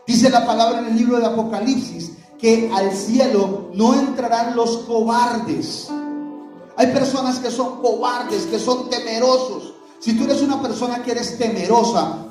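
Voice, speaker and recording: A man preaching a sermon as pastor, asking the congregation questions and having them answer back. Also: high voice. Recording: echoey hall, voice from far off, music behind.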